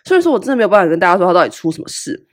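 A young woman, hosting a podcast and telling a personal story in a candid, casual way. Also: racing. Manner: candid and animated, with big swings in pitch. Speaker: podcast host.

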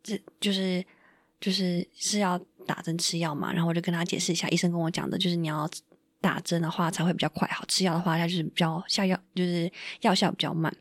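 A woman's voice: lowish voice, level tone, quick pace, dry recording. A woman telling a personal story on a podcast, emotional and full of fillers and quoted dialogue. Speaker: podcast guest. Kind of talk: casual storytelling.

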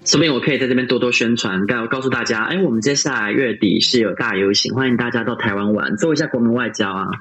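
Bright, teasing Taiwanese podcast host, male. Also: mid-range voice, fast talker, few pauses, highs cut off. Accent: Taiwanese Mandarin. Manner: playful, teasing, mock-announcing to listeners. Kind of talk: casual chat on an overseas phone call. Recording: overseas call, faint music behind.

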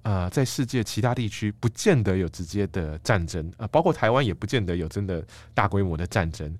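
Man, middle-aged, Taiwanese Mandarin accent, low voice, dry close sound, measured explanatory guest, many "ah" fillers. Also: lively intonation, no room sound. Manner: measured, thoughtful, frequent "ah" fillers. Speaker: guest, book editor-in-chief. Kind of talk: explanatory interview talk.

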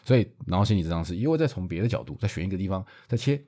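Fast-talking husky deep-voiced man. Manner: animated storyteller, bursts into loud laughs. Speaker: podcast co-host. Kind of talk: casual chat.

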